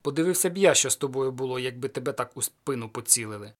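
A man voicing a proud, quick-tempered cossack warrior in an audiobook, blunt and defiant. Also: medium pitch, expressive, voice pushed down, close to an everyday voice. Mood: indignant.

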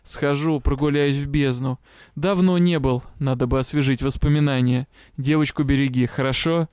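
A man's voice: medium pitch, fairly even intonation, moderate pace, a little mellow, clean tone, no room sound, studio quality, lightly acted. A man reading an audiobook, voicing a tired, stern magister who talks curtly and growls his answers. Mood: weary. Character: weary stern male magister, commanding.

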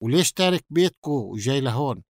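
A man's voice: medium pitch, expressive, quick pace, dry recording, close to an everyday voice. A burly middle-aged baker, as a male narrator puts him on, speaks in a coarse, dry voice with a Palestinian Arabic accent. He is blunt and bossy, and his teasing has a threat in it. The recording is dry and close. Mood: probing. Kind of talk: audiobook character dialogue.

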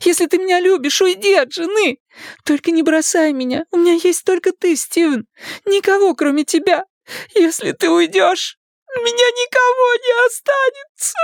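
A man's voice: moderate pace, creaky, no room sound, clean studio sound. A male reader voicing a tearful, clingy young woman who pleads and sobs in an audiobook. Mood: pleading. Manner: pleading, high and sobbing. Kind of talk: audiobook character voice.

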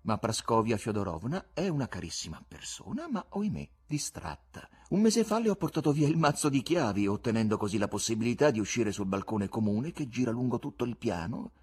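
A man voicing a fastidious, nervous middle-aged male patient in a reading, speaking softly and reproachfully. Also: mid-range voice, big pitch swings, breathy edge. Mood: fussy. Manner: soft, fussy, reproachful.

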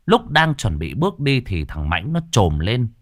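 A man's voice: mid-range voice, very animated, moderate pace, dry recording, clean studio sound. A man telling a ghost story, dramatic and vivid with earthy humor.

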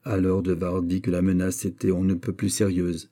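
A man reading a classic novel aloud in a measured, steady narration. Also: low voice. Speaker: audiobook narrator. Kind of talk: scripted narration.

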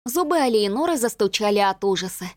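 A woman narrating an audiobook in a measured, even reading. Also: medium pitch, no room sound, clean studio sound. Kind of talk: scripted narration.

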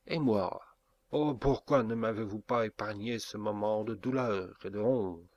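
A man voicing a stern, pious noblewoman who reproaches her son in a cold, solemn tone, raised a little above his own pitch. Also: measured pace, darkish tone, highs cut off, natural voice. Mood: reproachful.

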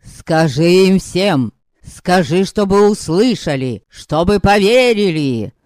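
A man voicing a pompous male orator who declaims slowly and grandly in a storybook reading. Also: high voice, animated, a little mellow, dry recording, studio quality. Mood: frenzied. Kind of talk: audiobook character voice.

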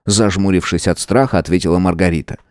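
A man narrating an audiobook in a steady, measured reading manner. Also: low voice, dry recording, studio quality. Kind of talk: scripted narration.

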